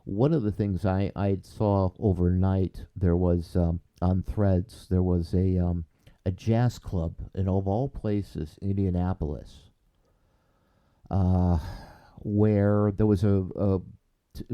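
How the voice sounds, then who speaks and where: Low, dark-voiced male podcast host. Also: steady tone. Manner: halting, many restarts and fillers, rising when signing off. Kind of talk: casual conversational podcast.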